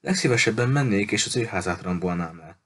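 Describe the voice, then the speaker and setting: A man's voice: fairly low pitch, lively intonation, fairly bright tone, breathy edge. Julia, an upset young girl, read by a man. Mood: bitter.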